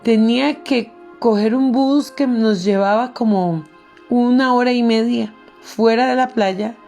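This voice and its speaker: Woman pastor, gravelly and warm. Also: on the high side. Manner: earnest storytelling, addresses listeners as beloved. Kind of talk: sermon with personal story.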